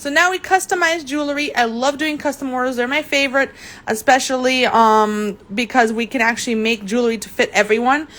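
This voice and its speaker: At an indoor craft table, a chatty young German woman hosts a live craft demo, greeting viewers by name and often stumbling over words. Her voice sits high and brisk with a fairly bright tone, and the talk is casual demo chat.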